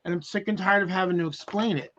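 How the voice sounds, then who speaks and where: A man's voice: high voice, fast talker, fairly bright tone, dull audio. A man on a podcast panel delivering an angry, profane rant with lots of repetition, in casual talk. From United States. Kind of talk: casual chat.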